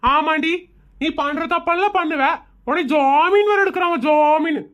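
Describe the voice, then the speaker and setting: An exasperated cartoon husband, forever scolding his reckless wife, voiced by a woman. The voice is pitched very high for a man, and he nags in a weary, exasperated tone. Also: moderate pace, fairly bright tone, lo-fi sound. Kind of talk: animated comedy cartoon voicing.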